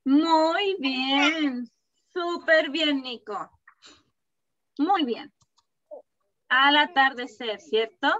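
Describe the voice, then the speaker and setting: A woman teaching a kindergarten class over a video call, asking slow, patient questions and praising the children. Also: sits high, fairly bright tone, no echo. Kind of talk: online class with young children. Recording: dull, muffled video-call audio.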